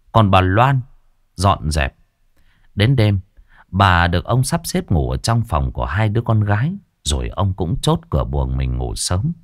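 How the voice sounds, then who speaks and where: A man's voice: sits low, dry recording, studio quality. A man reading a ghost story aloud with dramatic, suspenseful delivery. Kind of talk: scripted ghost story narration.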